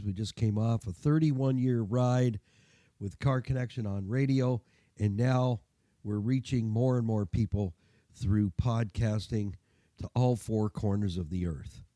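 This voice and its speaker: Recorded dry and close in the studio, this man hosts a folksy car show for radio and podcast, bantering in a jokey, homespun style. His fairly low voice is dark and relaxed, thickened by a gargly winter cold that leaves him congested.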